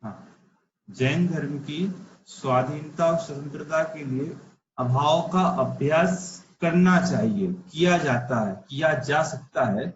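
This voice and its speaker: A man's voice: a little high, slow, reverberant, lo-fi sound, slight background noise. A man teaching an online religious philosophy class, explaining patiently and asking rhetorical questions. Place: online video call class.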